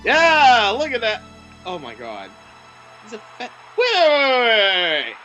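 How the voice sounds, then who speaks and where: Brief: high, bright-voiced male co-host, excitable, voice leaping all over, faint game music behind. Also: takes it slowly. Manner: excitable and joking, with wild swings in pitch. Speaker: let's play co-host. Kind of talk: casual gameplay commentary.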